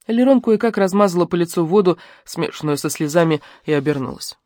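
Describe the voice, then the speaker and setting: A woman reading a detective novel aloud in a measured, even narration. The recording is dry and close to the mic, with no room sound. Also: lowish voice, no room sound. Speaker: audiobook narrator. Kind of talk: scripted narration.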